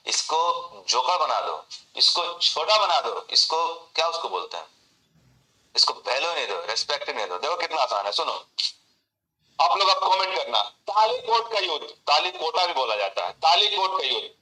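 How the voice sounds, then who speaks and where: A man teaches an online memory class in Hindi sprinkled with English phrases, speaking animatedly and addressing students by name. His voice sits on the high side at a moderate pace, and the audio is poor and reverberant.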